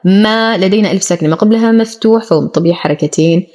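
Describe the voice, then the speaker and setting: A woman teaching Quran recitation, chanting words slowly and drawn out, then explaining the pronunciation rules briskly. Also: mid-range voice, mellow. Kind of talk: tajweed lesson, recitation with rule explanations.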